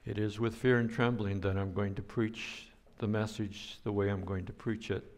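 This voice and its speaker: Preaching as a pastor, this older man speaks at a slow, deliberate pace with occasional playful sound effects. His voice sits low and his delivery is flat.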